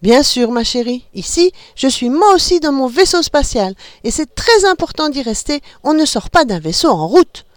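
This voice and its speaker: A friendly storybook dad calling his kids over a video call, patient and upbeat as he explains things to them, as a woman reading aloud voices him. His voice is lively, rising and falling a lot, and it sits in a fairly high register. The sound is dry and close. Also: moderate pace, hardly any pauses, no room sound. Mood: encouraging.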